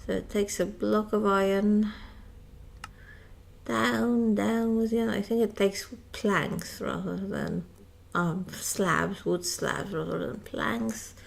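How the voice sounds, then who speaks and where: A woman with a heavily creaky, gravelly voice, chatting her way through a building game at a middling pitch. She sounds tired and talks in a rambling, self-mocking way, full of fillers. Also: slow. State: tired, yawning. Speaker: Minecraft modpack let's-player. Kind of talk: casual gameplay commentary.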